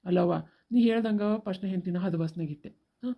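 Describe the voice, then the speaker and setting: A woman's voice: lowish voice, creaky, slightly rough, muffled recording. A woman voicing a worried, reasonable village father with a North Karnataka accent in a cartoon. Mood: placating. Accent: North Karnataka Kannada. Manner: placating, hurried.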